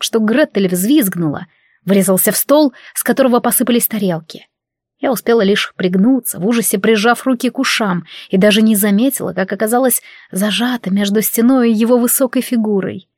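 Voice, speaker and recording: A woman reading a first-person romance audiobook in an emotive, measured way. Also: mid-range voice, a little mellow, no room sound, studio quality. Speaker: audiobook narrator.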